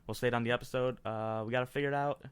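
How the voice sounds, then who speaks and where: A man's voice: medium pitch, steady tone, rapid-fire, clean tone, dry recording. A man hosting a casual podcast, rambling with many restarts and reading out movie ratings. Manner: rambling, self-interrupting, reads out movie ratings. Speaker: podcast host.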